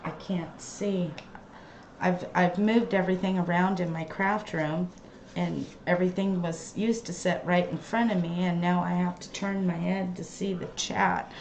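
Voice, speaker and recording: A woman hosting a casual livestream from her craft room, chatting slowly and trailing off, her voice hollow and tinny like inside a tin can. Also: on the low side, fairly even intonation, darkish tone. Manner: slow, chatty, trailing off mid-sentence. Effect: hollow tinny sound, like inside a tin can. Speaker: livestream host. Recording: echoey, dull lo-fi stream audio with faint background noise.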